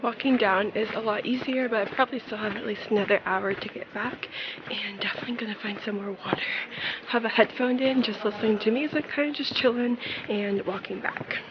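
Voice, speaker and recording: A woman's voice: fairly high pitch, fairly quick, lo-fi sound, background noise. A young woman vlogging on a solo hike, chatty and a bit breathless as she talks to the camera outdoors. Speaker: travel vlogger. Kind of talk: casual vlog narration. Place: outdoors on a mountain trail.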